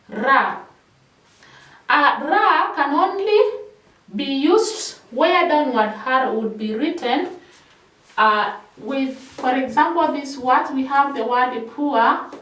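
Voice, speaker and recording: Woman, high voice, shorthand teacher, repetitive drilling, echoey classroom, distant mic. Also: fairly bright tone. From Kenya. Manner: slow, repeating words in drills. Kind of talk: classroom lesson.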